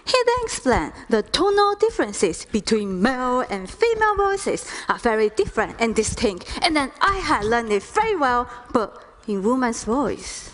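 A woman giving an expressive, deliberate staged talk performance. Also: a little high.

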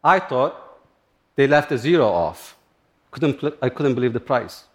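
A middle-aged man from Turkey, speaking halting in short phrases as he tells a personal story on stage. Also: medium pitch, very animated. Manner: plain, halting non-native English with short phrases. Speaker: speaker giving a talk.

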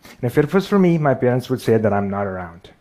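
A man's voice: medium pitch, big pitch swings, fast talker, dark tone. A man with a Pakistani accent giving a storytelling talk on stage, wry and self-deprecating.

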